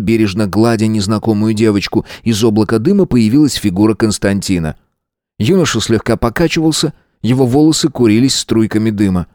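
A man reading an audiobook in a steady, measured narration. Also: on the low side, dry recording, studio quality. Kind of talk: scripted narration.

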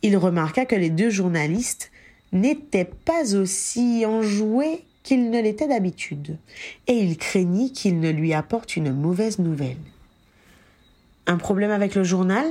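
A woman narrating a fan fiction audiobook in a steady, even storytelling manner. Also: medium pitch, measured pace. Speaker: audiobook reader.

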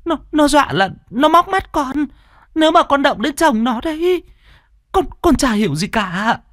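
A man's voice: extremely high pitch, big pitch swings, normal speed, a bit bright, no echo, studio quality, pitched above the performer's own voice, exaggerated voice. A man voicing a frightened young village woman who stammers and pleads tearfully. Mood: frightened pleading.

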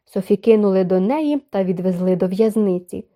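Mellow-voiced woman narrating an audiobook. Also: mid-range voice, moderate pace. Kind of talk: scripted narration.

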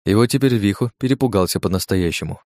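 A man's voice: fairly low pitch, fast talker, a little mellow, no room sound. A man reading a first-person audiobook in tense, gritty scripted narration.

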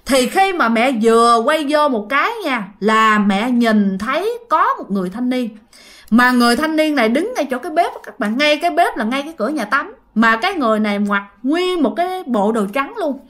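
A woman's voice: high-pitched, big pitch swings, normal speed, a bit bright. A woman with a Southern Vietnamese accent who hosts a channel, casually retelling ghost stories in a chatty way and talking straight to her listeners. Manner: chatty, addresses listeners directly, heavy use of sentence-final particles. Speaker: storyteller and channel host.

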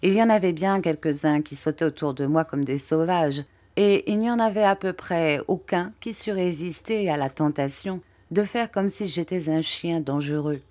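A woman reading a classic novel aloud as an audiobook narrator, in a clear, even storytelling manner. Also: on the low side, normal speed, dry recording. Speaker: audiobook reader.

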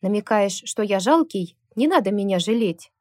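A woman voicing a gruff, stubborn man who talks tersely and rudely, in an audiobook. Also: mid-range voice, moderate pace, warm tone, no echo, studio quality, natural voice. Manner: terse and rude.

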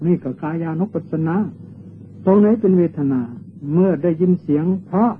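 Older Thai monk preaching over tinny tape. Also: male voice, sits high. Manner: patient, repetitive teaching with drawn-out meditation chants. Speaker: Buddhist monk. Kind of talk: dharma sermon on meditation. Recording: tinny old lo-fi tape with faint hiss.

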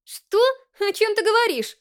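A woman voicing a bossy, sharp-tongued teenage schoolgirl who scolds and brushes off the listener, heard over a phone line. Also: extremely high pitch, expressive, normal speed, voice pushed up. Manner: scolding, dismissive.

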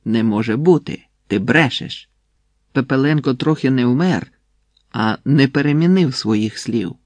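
A man voicing a stern, commanding old prince who interrogates prisoners, with a husky voice in a dry recording. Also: medium pitch, expressive, measured pace, no echo. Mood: furious. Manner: commanding, barking orders.

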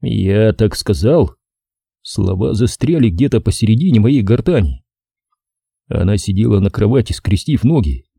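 A man narrating a first-person detective novel in a measured, wry storytelling manner. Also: fairly low pitch, big pitch swings, gravelly, dark tone, breathy edge, no echo, studio quality. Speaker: audiobook narrator.

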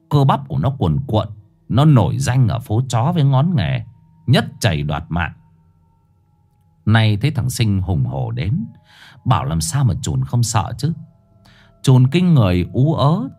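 A man's voice: on the low side, a little mellow. A man narrating a story in a dramatic storytelling manner.

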